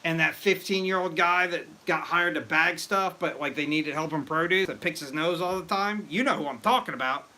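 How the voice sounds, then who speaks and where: An excitable man rambling through a casual brewing livestream, greeting viewers as he goes. His voice is very bright and sharp, and it sits a bit high for a man. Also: moderate pace, few pauses. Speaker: livestream host. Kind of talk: casual live-stream chat while brewing mead.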